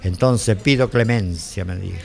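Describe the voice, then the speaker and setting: A man's voice: fairly low pitch, moderate pace, vocal fry, a little mellow. An older man with a Chilean accent giving a rambling personal testimony, often repeating himself and quoting what others said. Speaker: interviewee, former driver.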